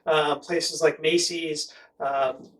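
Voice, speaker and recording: Here a middle-aged American vlogger from Connecticut talks slowly in a fairly high, slightly bright voice with a flat delivery. His explanations to camera ramble casually, and the audio carries echo from a distant mic in a roomy space.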